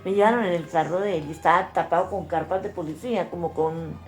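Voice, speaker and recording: A woman's voice: fairly low pitch, fast talker, a little mellow. An older woman from Colombia tells her story in a Paisa accent. She talks with feeling and slips into the voices of the people in it. Faint music plays under her voice. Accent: Colombian Paisa Spanish. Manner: emotional storytelling, acting out quoted voices. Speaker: interviewee. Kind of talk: oral history testimony.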